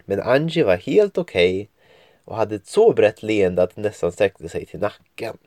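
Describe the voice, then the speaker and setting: A man's voice: on the low side, very animated, darkish tone, no echo. A man reading a children's story aloud at home, with playful voices for the children's lines. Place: home room at a computer.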